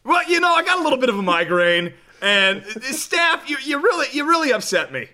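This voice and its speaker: A man's voice: very high voice, big pitch swings, a little fast, sharp tone. A man co-hosting a comedy podcast, scolding a guest in playful mock indignation. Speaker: podcast co-host.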